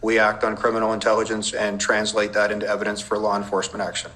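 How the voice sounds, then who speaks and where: A man with a lowish, monotone voice and a fairly bright tone gives formal testimony as a police intelligence officer under cross-examination. He is measured and precise, choosing his words carefully and citing legal references.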